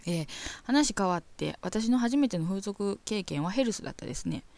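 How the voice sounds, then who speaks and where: Giggly Kansai woman with a gravelly voice. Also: mid-range voice, expressive, moderate pace, a little mellow, dry recording. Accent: Kansai Japanese. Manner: giggly, bawdy and frank, laughs often. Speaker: radio host reading listener mail. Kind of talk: casual chat and reading letters aloud.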